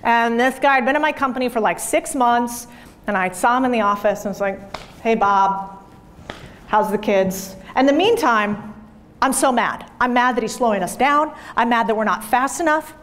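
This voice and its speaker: A woman's voice: a little high, a little fast, a bit bright. A woman in her thirties giving a blunt, emphatic motivational talk to a live audience, swearing freely. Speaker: business speaker. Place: event room with audience.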